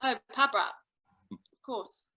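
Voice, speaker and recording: A woman's voice: a little high, slow, pushed and bright, rough recording. A young woman guesting on a casual podcast, chatty, laughing often and swearing casually. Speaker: podcast guest, TV and radio presenter. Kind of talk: casual chat.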